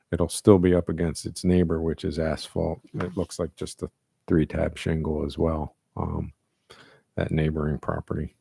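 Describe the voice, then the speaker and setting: A man's voice: low-pitched, creaky, warm tone, breathy edge. A man explaining details at a public review board meeting, hesitant and full of fillers. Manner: hesitant, many fillers and restarts. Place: municipal meeting room.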